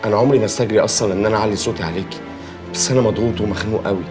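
An actor with an Egyptian accent playing a stressed husband who flares up and then apologizes. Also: male voice, fairly low pitch, very fast, music in the background, close to an everyday voice. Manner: defensive, flares up, then pleads.

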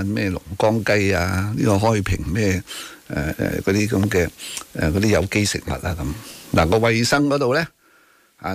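A low, creaky, husky male voice belongs to a radio talk show host with a Hong Kong Cantonese accent. Speaking from a radio studio, he argues emphatically about current affairs, using rhetorical tag questions and slipping in bits of English.

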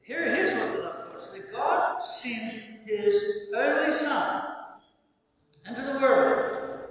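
A man delivers a sermon with slow, emphatic phrasing and weighty pauses, his voice pitched high for a man. He sounds a little far from the mic in a large church hall, with a long ringing reverb and a faint hum of room ambience behind him. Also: fairly bright tone. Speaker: preacher.

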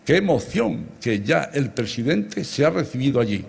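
A husky-voiced man in his seventies from Extremadura, speaking with a Spanish accent from Spain, accepts an award with an emphatic, rhetorical speech at a lectern, addressing listeners directly. His voice is medium-pitched and a little mellow, with big pitch swings at a normal speed. Lectern microphones amplify him on a large open-air ancient theatre stage at night, with a big crowd audible.

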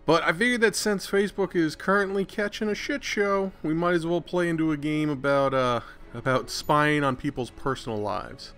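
A man's voice: a little high, moderate pace, hardly any pauses, fairly bright tone, faint music behind. A man giving casual, irreverent commentary while playing a video game, chatty and swearing freely. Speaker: gaming channel host.

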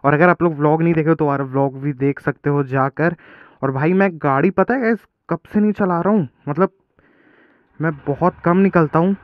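A man's voice: a little high, a little fast, no echo, narrow, tinny audio. A young man from India with a Chhattisgarh Hindi accent, chatting casually to his viewers while riding a motorbike and walking down a street. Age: young adult. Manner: chatty, addresses viewers as guys. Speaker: vlogger. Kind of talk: casual vlog chat. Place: outdoors on a motorbike and in a residential street. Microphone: action camera on bike and handheld selfie camera.

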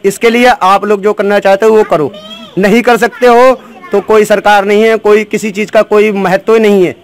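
A man's voice: high voice, steady tone, moderate pace, slight background noise. A man giving an insistent, repetitive eyewitness account into a handheld microphone outdoors. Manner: insistent, repeats phrases. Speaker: eyewitness interviewee. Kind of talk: animated street eyewitness account. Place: outdoors in a narrow lane with onlookers. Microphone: reporter's handheld microphone.

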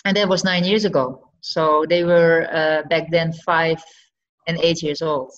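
A middle-aged woman from Friesland whose first language is Frisian, speaking in a casual video-call interview with hesitant, thoughtful pauses and many fillers. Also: low-pitched, steady tone. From Friesland, Netherlands. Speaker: guest artist. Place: home living room. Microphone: laptop on a video call. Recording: dull lo-fi video-call audio.

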